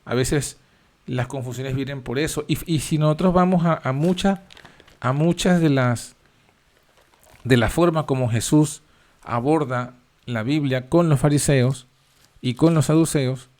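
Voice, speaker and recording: A man teaching a Bible study, reading verses aloud and then explaining them with frequent pauses and fillers. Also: on the high side, darkish tone.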